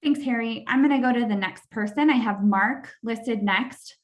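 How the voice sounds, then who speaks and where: A woman's voice: a little high, moderate pace. A woman moderating an online public hearing, speaking unscripted as she runs the session.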